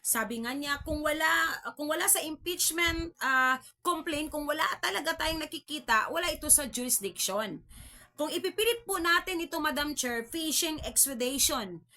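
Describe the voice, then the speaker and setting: A woman's voice: high-pitched, expressive, normal speed, pushed and bright. A woman from the Philippines giving casual political commentary on her vlog, chatty, with constant tag questions and mocking laughs. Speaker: vlog host.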